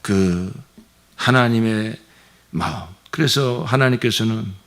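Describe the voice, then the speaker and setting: A male pastor delivering a Sunday sermon, swinging between raised, passionate preaching and soft, near-whispered asides. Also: fairly low pitch, slow pace, creaky. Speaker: senior pastor. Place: church sanctuary.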